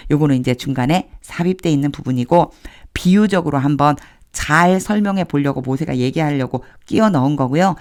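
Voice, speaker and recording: A woman teaching an English Bible reading lesson phrase by phrase, patiently explaining grammar and reading each English line slowly and clearly. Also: deep voice, a little mellow. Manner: conversational, uses casual pointing words while marking a text. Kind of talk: step-by-step phrase-by-phrase translation lesson.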